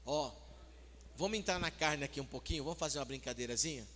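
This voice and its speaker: A Brazilian pastor preaches with a bright, forceful voice. He coaxes his congregation and then urges them on loudly. The sound rings with the long echo of a church hall. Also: medium pitch, rapid-fire. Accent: Brazilian Portuguese. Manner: exhorting the congregation, coaxing then urging loudly. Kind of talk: sermon.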